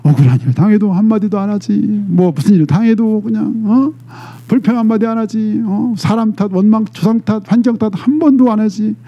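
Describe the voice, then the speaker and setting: Male pastor, middle-aged, dramatic sermon delivery with a high, dark-toned voice. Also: a little fast, hardly any pauses, highs cut off. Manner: animated, dramatic retelling with frequent "eh?" prompts to the congregation.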